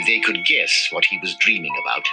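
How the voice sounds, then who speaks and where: A man reading a children's story in an expressive, measured storytelling manner. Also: deep voice, poor audio. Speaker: storybook reader. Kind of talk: scripted children's story narration. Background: music.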